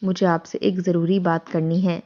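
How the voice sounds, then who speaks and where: A woman's voice: lowish voice, little pitch movement, dark tone, close to an everyday voice. A woman voicing a worn-out, ill young wife who pleads earnestly with her husband, in a dull lo-fi recording. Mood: pleading.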